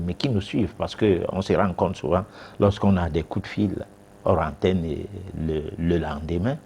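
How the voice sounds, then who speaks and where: A man's voice: sits low, darkish tone, a little hiss or hum. A man, a guest expert on a TV talk show answering viewers' questions, hesitant with many fillers and restarts.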